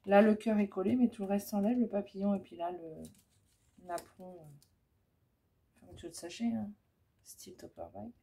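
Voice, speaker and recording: Gravelly, mellow-voiced woman showing crafts. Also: mid-range voice, animated, moderate pace, long pauses. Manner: hesitant, chatty, many fillers. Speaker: scrapbooking vlogger. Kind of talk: casual show-and-tell.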